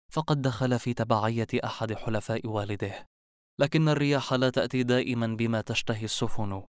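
A man's voice: medium pitch, no room sound. Man narrating an audiobook, dry close sound. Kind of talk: scripted narration.

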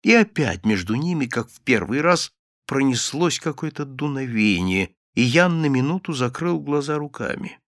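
A man narrating a fairy tale as an audiobook, with an animated, expressive reading. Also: mid-range voice, normal speed, no room sound, clean studio sound.

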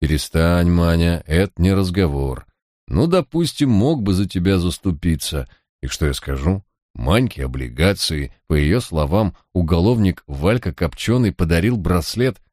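A man's voice: low-pitched, lively intonation, normal speed, darkish tone, no room sound, clean studio sound. A man voicing a shrewd, cocky male police detective who talks in a mocking, coaxing drawl. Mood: coaxing mockery.

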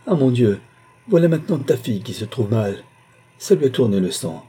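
A man's voice: medium pitch, very animated, normal speed, warm tone, husky, voice pushed up. A man voicing a proud, indignant middle-aged wife who laments her lost standing in a storybook reading. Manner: lamenting and haughty.

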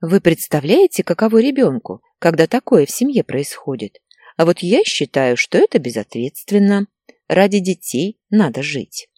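A woman's voice: lowish voice, big pitch swings, normal speed, slightly rough, dry recording, clean studio sound. A woman voicing a hysterical, tearful pregnant young wife who whines and snaps defensively. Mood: preachy. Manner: whiny and defensive, breaks into shouting.

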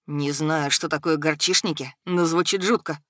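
A woman voicing a timid boy who is a dark tower spirit, speaking in a hesitant, subdued way. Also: low voice, fairly even intonation, moderate pace, no room sound, clean studio sound.

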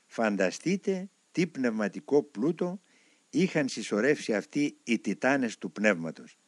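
A man reading a spiritual memoir aloud as narrator, with expressive storytelling. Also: mid-range voice, no echo.

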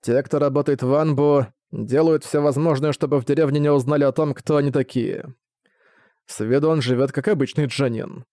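A cold, scheming old ninja commander, as a male audiobook reader puts him on, speaking evenly with an icy edge. The voice is mellow and low-key, recorded dry and close. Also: fairly even intonation, a little fast, dry recording, close to an everyday voice. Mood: cold, level. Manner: level, icy delivery.

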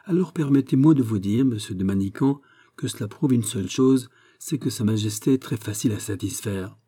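A man reading an audiobook, voicing a haughty, sharp-tongued young princess with ironic, exasperated questions. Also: medium pitch, brisk, husky, natural voice. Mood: imperious.

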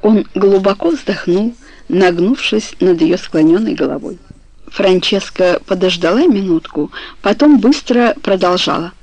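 A woman narrating an audiobook in a calm, measured, soft storytelling manner, recorded dry and close. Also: mid-range voice, dry recording, low-quality recording.

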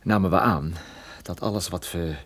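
In a Dutch radio play, a low-pitched man voices a wry, stubborn private detective who is injured but determined. He sounds urgent and resolute, explaining things conversationally with hesitant interjections.

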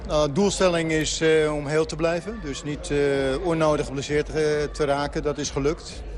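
A man, a football coach, giving a post-match interview outdoors, speaking deliberately with many hesitant pauses. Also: fairly high pitch, steady tone. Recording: outdoor interview with crowd behind.

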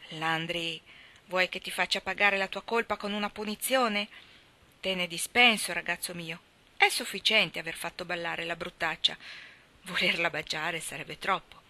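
A woman reading the part of a plain young country girl who speaks softly and gently. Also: on the low side, fairly even intonation, moderate pace. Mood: teasing. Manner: soft, gentle, caressing.

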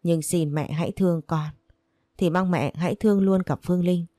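A gentle grown son, as a woman narrator reads him pleads softly with his mother. His voice stays low and warm. The recording is dry and close. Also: fairly even intonation, normal speed, no room sound, close to an everyday voice. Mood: pleading. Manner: soft, pleading.

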